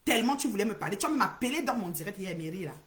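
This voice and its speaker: A woman with a West African French accent hosting a heated livestream, repeating names and calling people out, swinging between loud outbursts and low muttering. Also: animated, racing, roomy sound. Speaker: livestream host. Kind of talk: heated social media livestream rant.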